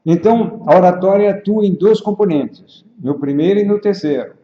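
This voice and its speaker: A man coaching public speaking, explaining at a measured pace with frequent pauses and tag questions. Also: high voice. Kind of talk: explanatory lesson at a whiteboard. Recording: roomy, echoey, dull lo-fi sound.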